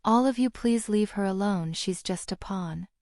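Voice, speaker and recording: A woman reading as a haughty young schoolboy from an aristocratic family, drawling every line with bored disdain. The tone is mellow and dark in an audiobook. The recording is close and dry. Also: mid-range voice, moderate pace, no echo, natural voice. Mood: sneering.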